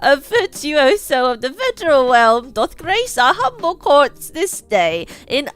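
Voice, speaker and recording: A woman's voice: high-pitched, very animated, unhurried, a bit bright, full character voice. A woman voicing a pompous old-timey court judge who speaks in grand archaic proclamations. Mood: grandly formal.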